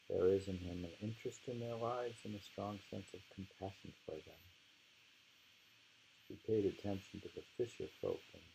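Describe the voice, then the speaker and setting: A man with a low, gravelly, warm voice reads aloud from a poetry book and muses informally in a rambling way as he leads a discussion of it. The audio is poor, with slight background noise.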